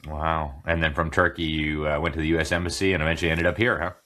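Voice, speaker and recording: Male interview host, deep and bright-toned, loose conversational delivery with fillers. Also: little pitch movement, fast. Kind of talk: political interview.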